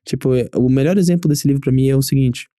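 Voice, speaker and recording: A young Brazilian man with a Brazilian Portuguese accent, a podcast guest talking in a relaxed, chatty, upbeat way. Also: medium pitch, fast talker, no echo, clean studio sound. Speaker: guest, emergency medicine resident. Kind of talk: casual podcast chat.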